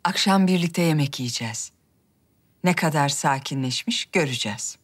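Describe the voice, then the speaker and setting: A woman's voice: low voice, lively intonation, normal speed, slightly rough. An actress playing a composed, authoritative Ottoman queen mother in a period drama.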